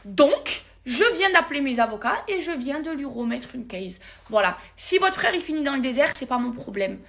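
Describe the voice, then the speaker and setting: A woman's voice: high voice, expressive, normal speed, gravelly, a bit bright. An irritated woman venting to her followers in a casual vlog, emphatic and repeating words and oaths for force, speaking into a phone held close. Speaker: social media personality.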